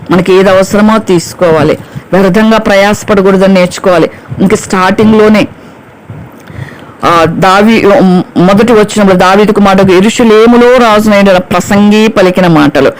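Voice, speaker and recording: Woman preacher, Bible sermon, emphatic, repeats words for stress, acts out quick quotes. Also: mid-range voice, rough recording.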